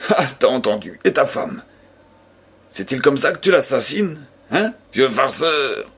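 A man reading the part of a jovial, mocking male gendarme sergeant who teases in husky, bantering tones. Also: mid-range voice, sing-song, measured pace, a bit bright, heavily acted. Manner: teasing, guffawing banter.

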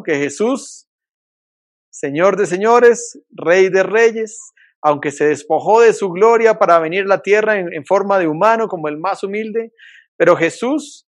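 High-voiced pastor preaching online. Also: male voice. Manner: conversational, asks rhetorical questions often. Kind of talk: online sermon.

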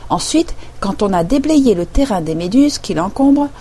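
A woman voicing an excitable male griffin in a storybook reading, shouting out dance steps. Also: mid-range voice, moderate pace, slight background noise, close to an everyday voice. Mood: eager.

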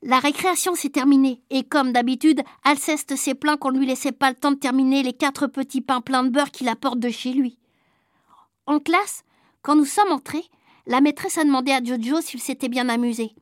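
A woman reading a children's story aloud in a lively, childlike first-person telling. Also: high-pitched, moderate pace, no echo, clean studio sound. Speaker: audiobook reader. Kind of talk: storybook narration.

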